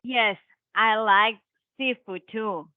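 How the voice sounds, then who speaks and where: A woman works through English questions very slowly, stopping often with fillers. Her voice comes over a thin, tinny line that sounds like a phone call, dry and close. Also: a little high, no room sound. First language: Spanish. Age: 30s. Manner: very slow, halting, with many fillers. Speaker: language student. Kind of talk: English speaking practice in class. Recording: tinny online call audio.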